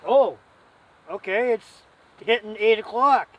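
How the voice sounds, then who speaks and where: High-pitched man, folksy camping vlog host. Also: slow pace, fairly bright tone, recorded from a distance, dull audio. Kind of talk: casual chat to camera with a friend.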